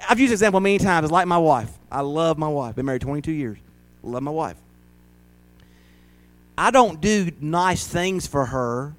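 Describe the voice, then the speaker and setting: A man in his forties preaching a sermon as pastor, swinging between loud emphatic lines and soft asides. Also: a little high.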